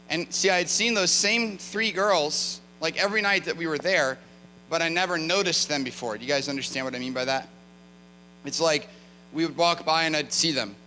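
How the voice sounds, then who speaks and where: A man preaching from a church platform, his bright voice sitting a little high. He tells his story in a chatty, lively way and often turns to the congregation with asides. The sound rings with long church reverb over a faint electrical hum. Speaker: guest preacher. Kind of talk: sermon with storytelling. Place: church sanctuary.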